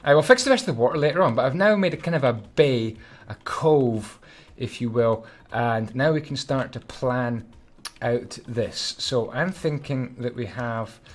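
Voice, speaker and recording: A man's voice: mid-range voice, unhurried, few pauses. A Scottish man chatting casually while building a game level, humming and muttering to himself as he concentrates. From Scotland. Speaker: Minecraft YouTuber.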